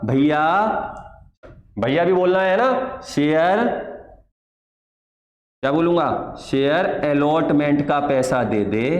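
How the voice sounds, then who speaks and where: A male accounts teacher giving a patient classroom lecture. He asks questions and answers them himself, and slows to dictate word by word. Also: sits high. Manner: patient, calls students "my child". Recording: echoey room with long reverb.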